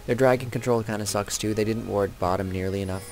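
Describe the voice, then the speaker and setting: A man's voice: lowish voice, steady tone, quick pace, darkish tone. A young man giving casual, rambling commentary over his own video game match, often correcting himself. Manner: chatty, rambling, self-correcting. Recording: game music and sound effects behind.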